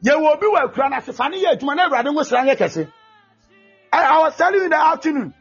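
A man preaching a fervent sermon, often shouting and mixing English with Twi. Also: extremely high pitch, fast talker. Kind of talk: sermon with prayer. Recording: dull lo-fi recording with faint music.

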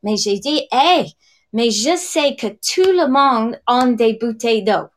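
This direct sales leader from England, a native English speaker in her sixties, is telling her story on a podcast. She talks slowly and falters often, filling pauses and starting over. Her fairly high voice is animated, and there's a slight hiss or hum in the recording.

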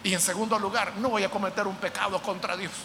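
A male preacher voices an upright young man turning down temptation, firm and emphatic. The tone is high and bright, and it echoes off the walls of a large hall. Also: fairly even intonation, fast talker, a little hiss or hum. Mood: firm refusal.

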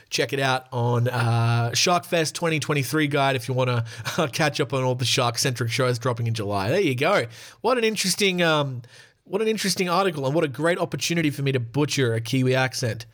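A man hosting a casual podcast, reading news stories aloud in a medium-pitched voice. He stumbles over names now and then and drops in offhand, sometimes crude jokes between the quoted passages. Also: brisk, a bit bright. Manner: reads articles aloud with joking asides and profanity. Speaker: podcast host.

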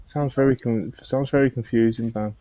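A man's voice: mid-range voice, fairly even intonation, moderate pace, warm tone, no echo, poor audio. A man hosting a casual podcast, bantering and laughing as he reads viewer messages aloud. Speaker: podcast host reading super chats.

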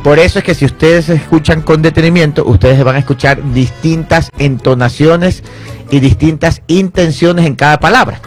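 A man hosting a casual gossip segment, animated and often mimicking what people say. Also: a little high, moderate pace, soft background music. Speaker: host. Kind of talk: casual gossip and news chat.

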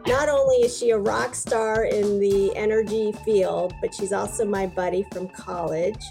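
A woman's voice: medium pitch, warm tone. A woman hosting an interview, chatty and enthusiastic, affirming her guest often. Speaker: interview host. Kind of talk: casual interview conversation.

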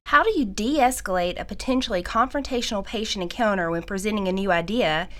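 A woman moderating an interview, asking a question in an even, read-out way. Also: mid-range voice, brisk.

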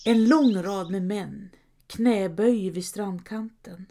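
Calm woman telling a bedtime story. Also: medium pitch. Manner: calm, soft, slow.

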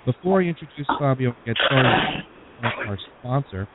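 A man's voice: mid-range voice, lively intonation, moderate pace. A man with an American accent hosting a radio interview in a conversational style. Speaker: radio show host. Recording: phone-like band with clear background noise.

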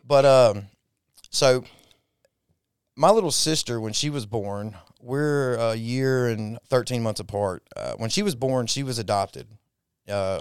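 A man, likely in his thirties, telling his life story as an interview guest in a halting, reflective way with frequent pauses. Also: on the low side, clean tone, no room sound, studio quality. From Texas, raised in Mississippi. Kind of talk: personal testimony interview.

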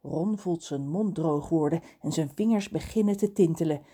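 A woman narrating a children's audiobook in an expressive storytelling manner. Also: sits low, normal speed, breathy edge.

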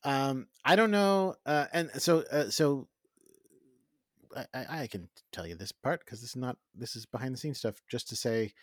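A man's voice: mid-range voice, expressive, normal speed, no room sound, clean studio sound. A man co-hosting a casual film discussion, hesitantly repeating words as he makes his points. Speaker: co-host.

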